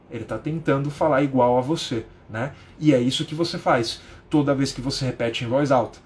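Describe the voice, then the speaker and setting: A man's voice: a little high, darkish tone, a little hiss or hum. Chatty Brazilian-raised man teaching live. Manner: chatty, explains with rhetorical questions and frequent "né?". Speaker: English teacher. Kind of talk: live-streamed lesson. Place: at home.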